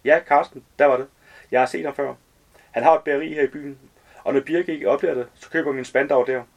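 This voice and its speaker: A man's voice: medium pitch, fairly even intonation, creaky. A man reading aloud as a talkative, overly familiar man in his early forties who rambles in slangy chatter.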